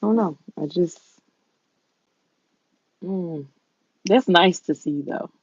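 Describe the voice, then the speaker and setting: A woman with a Southern US accent and a folksy, drawn-out drawl, chatting casually with viewers as a livestream host. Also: lowish voice, a little mellow, dry recording, lo-fi sound. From southern United States.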